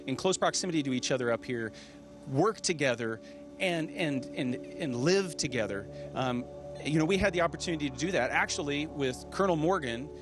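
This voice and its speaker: A man speaking as an astronaut in an informal educational question-and-answer, earnest and explanatory, with halting repeats. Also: medium pitch. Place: inside a space station.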